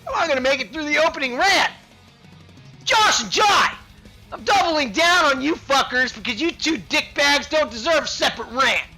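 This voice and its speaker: A man rants at the top of his lungs in a crude, profane roast of his fantasy league rivals. His voice sits very high and sounds bright and sharp, and his pitch swings widely. He drags each jab out slowly while faint music plays underneath. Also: animated, poor audio. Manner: shouting, crude insults, frequent laughter. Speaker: fantasy football league podcast host.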